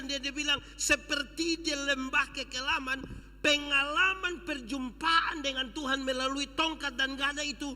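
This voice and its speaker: A pastor with a Sumba accent telling a story in a revival sermon, swinging dramatically between shouts and hushed moments. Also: male voice, very high voice. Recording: long church hall reverb.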